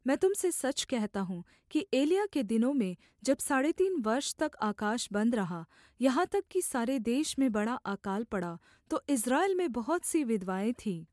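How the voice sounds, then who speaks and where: A woman reading the words of a calm, authoritative adult male teacher in a solemn, measured scripture reading. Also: a little high, dry recording, studio quality.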